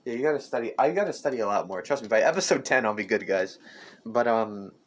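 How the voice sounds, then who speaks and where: A young man in his teens hosting a casual podcast chat, rambling and halting with lots of fillers and restarts. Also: lowish voice, lively intonation, noisy background. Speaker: podcast host. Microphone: amateur desk mic. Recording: clicks and table knocks near mic.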